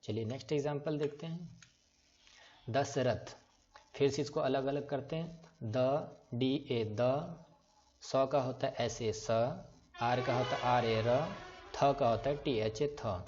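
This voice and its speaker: A man's voice: mid-range voice, takes it slowly, a little mellow. A man teaching an online class, patiently breaking words apart and spelling them letter by letter. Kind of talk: online class on writing names in English letters. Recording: slightly dull lo-fi recording.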